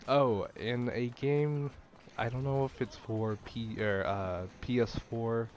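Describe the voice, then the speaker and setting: A young man who runs a gaming channel rambles about video games in a casual vlog, his nose audibly stuffed up. His medium-pitched voice is steady and a little mellow, and he talks slowly, with many fillers and restarts.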